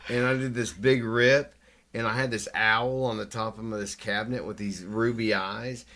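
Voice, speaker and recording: A man hosting a podcast, telling wild stories in an animated, profane way. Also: fairly low pitch, normal speed, a little hiss or hum. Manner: animated, swearing storyteller. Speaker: podcast host. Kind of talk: casual chat.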